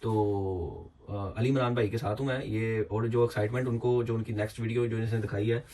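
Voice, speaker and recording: A man's voice: on the low side, steady tone, fairly quick, dark tone, slight background noise. A man giving heated reaction commentary, indignant and repetitive, with many fillers. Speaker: YouTube commentator.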